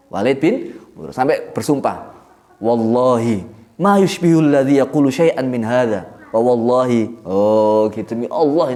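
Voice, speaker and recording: A middle-aged man with an East Javanese accent teaching a lively, joking religious lecture to students, with Javanese asides. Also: lowish voice. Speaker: pesantren head teacher.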